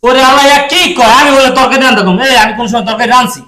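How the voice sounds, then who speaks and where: A man's voice: very high voice, rapid-fire, sharp tone. An actor playing an indignant husband who complains that his wife won't cook. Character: hungry, indignant rural husband. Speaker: actor in a village comedy skit. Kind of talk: skit acting. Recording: echoey room.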